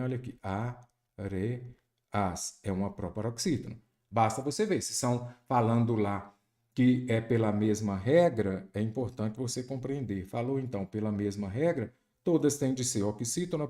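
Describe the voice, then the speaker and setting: Emphatic Brazilian Portuguese teacher. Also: male voice, mid-range voice. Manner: lively, emphatic, quizzing the viewer. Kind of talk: exam prep lesson.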